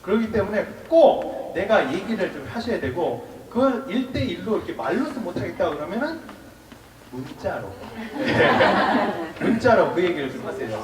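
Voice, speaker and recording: A man in his forties, a monk giving a public lecture, lively and quizzing the audience, with acted-out dialogue. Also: high voice, moderate pace, background noise. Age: 40s. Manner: lively, asks the audience questions, acts out quoted dialogue. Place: temple lecture hall with audience. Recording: echoey hall, mic from far off, audience around.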